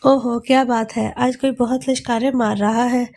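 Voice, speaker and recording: A woman's voice: on the high side, little pitch movement, moderate pace, a little mellow, dry recording. A woman voicing a playful young man who teases his brother mischievously. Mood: teasing. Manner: teasing, mischievous.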